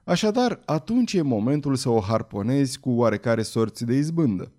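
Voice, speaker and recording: A man reading an audiobook, voicing a talkative old whaling captain who explains things loudly and with emphasis. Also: medium pitch, animated, lightly acted. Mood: lecturing.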